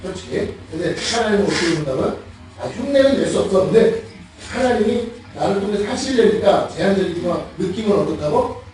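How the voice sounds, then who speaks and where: A man's voice: high voice, a little fast. A man preaching a sermon as pastor, asking the congregation questions and laughing as he acts things out. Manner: animated, asks the congregation questions, laughs while mimicking. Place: church sanctuary. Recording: echoey church hall, mic far off.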